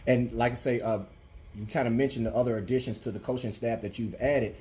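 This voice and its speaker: A man's voice: medium pitch, steady tone, a little fast, warm tone, slight background noise. A man interviewing a coach in an informal, conversational way, with wordy lead-ins to his questions. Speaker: sports interviewer.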